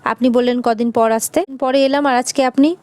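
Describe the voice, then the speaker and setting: A woman's voice: fairly high pitch, steady tone, moderate pace, darkish tone, dry recording, close to an everyday voice. A woman plays a bashful, self-pitying book salesman, pleading and whiny, in a raised voice. The sound is dry and close.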